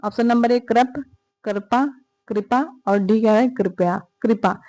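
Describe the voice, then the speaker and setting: A woman's voice: fairly high pitch, unhurried, warm tone. A woman teaching an exam prep lesson, repeating each answer and quizzing her listeners aloud. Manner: repetitive, drilling questions and answers aloud.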